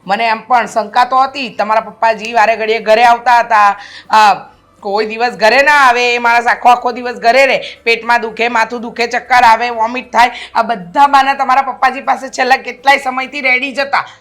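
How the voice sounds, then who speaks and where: A woman's voice: on the high side, steady tone, moderate pace, a bit bright, natural voice. A woman playing a sarcastic scolding mother-in-law. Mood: complaining. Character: sharp-tongued middle-aged mother-in-law.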